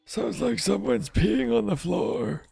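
A man voicing a crude, combative old madman adventurer in a gravelly, raspy voice, muttering and rambling in a game role-play. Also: high-pitched, lively intonation, slow pace, a little mellow, faint music behind, heavily acted.

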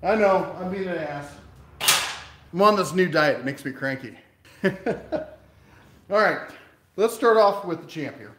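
A man's voice: high voice, lively intonation, unhurried, pauses often, noisy background. A man hosting a casual tool review in a home workshop, talking while he works and cracking jokes at himself. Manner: wisecracking, talks while working.

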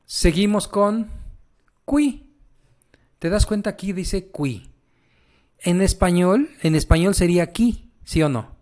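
A man's voice: high voice, fairly even intonation, normal speed, a little mellow. A man teaching a pronunciation lesson, patiently repeating each sound and checking in with the learner. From Mexico. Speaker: language teacher.

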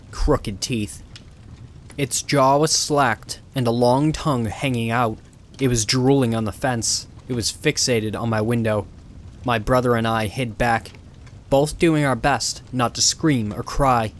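A man reading a first-person horror story in a steady, measured way. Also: mid-range voice.

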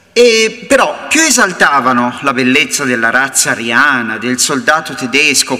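Man doing an intense first person reading, bright voice, big echoey auditorium. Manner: impassioned, swinging from hushed low lines to raised outbursts. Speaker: reader at a remembrance event. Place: large university auditorium. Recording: reverberant hall sound.

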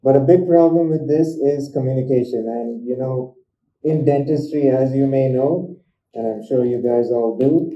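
A man's voice: mid-range voice, moderate pace. A man, a dentist, talking through a face mask in a casual review, explaining step by step as he demonstrates. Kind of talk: casual product review vlog. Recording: roomy, dull lo-fi sound.

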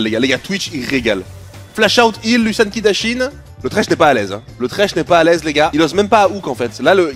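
A young male streamer with a slightly high voice commentates a video game replay, talking fast and slangy, sinking into mutters before bursting into shouts.

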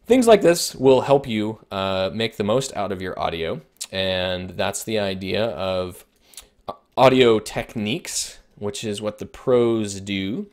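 A man's voice: lowish voice, animated, takes it slowly, darkish tone. A man explaining audio recording techniques in a conversational lesson, with frequent fillers and restarts. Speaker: instructor. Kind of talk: video production lesson.

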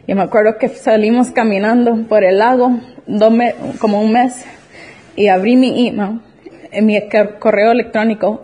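A young woman in her twenties shares a personal faith testimony at church, emotional and earnest, frequently restarting her sentences. Her voice is medium in pitch with a dark tone.

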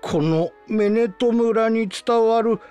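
An actor playing a sleepy, cranky, hard-of-hearing old village elder in a video game, talking in an old-fashioned, drawn-out way like an old prospector. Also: male voice, extremely high pitch, darkish tone, clean tone, soft background music. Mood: solemn, unhurried. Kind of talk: video game character acting.

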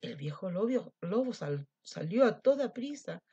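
A woman teacher narrating a children's story in a gentle, expressive way, then explaining a craft. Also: mid-range voice, a little slow, creaky, husky, highs cut off.

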